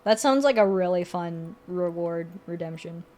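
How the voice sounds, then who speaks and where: A woman's voice: lowish voice, expressive, moderate pace, dark tone, slight background noise. A young woman streamer chatting casually while drawing, rambling and correcting herself, often laughing.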